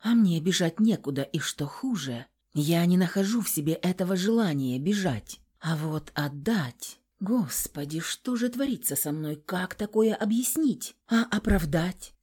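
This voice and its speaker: A woman narrating a first-person audiobook in a measured, intimate way. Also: on the low side, expressive, mellow, husky. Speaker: audiobook reader.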